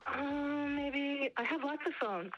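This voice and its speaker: A woman's voice: high voice, slow pace, no room sound, faint music behind. Teasing woman caller on speakerphone. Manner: playful teasing. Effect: on speakerphone over a phone call. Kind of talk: casual chat. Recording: muffled speakerphone call audio.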